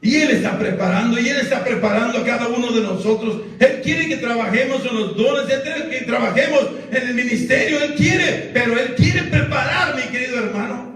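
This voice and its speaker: A man preaching a sermon as pastor, fervent and rising to shouted emphasis. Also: very high-pitched, brisk, few pauses. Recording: very echoey hall, voice far from mic.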